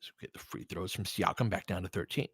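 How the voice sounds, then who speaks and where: Low-pitched, husky and a bit bright, a man speaks quickly while hosting live basketball commentary with a partisan fan's slant, snapping out brief play calls and then explaining tactics conversationally. The audio is studio quality, with no echo.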